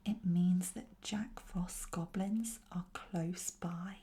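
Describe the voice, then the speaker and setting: Woman whispering as a croaking cautious frog. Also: fairly low pitch, fairly even intonation, slow pace, warm tone, slight background noise. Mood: urgent. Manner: croaky, urgent. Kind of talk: whispered role-play.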